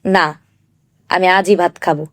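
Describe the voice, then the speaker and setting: A half-deaf, bedridden young husband , as a woman reader puts him on, who whines and repeats himself like a sulking child. The voice sits a touch lower than the reader's own, with a slow, sulky drag on the repeated pleas. It is a storybook figure, read aloud. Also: steady tone, lightly acted. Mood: petulant. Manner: whining, repeating demands.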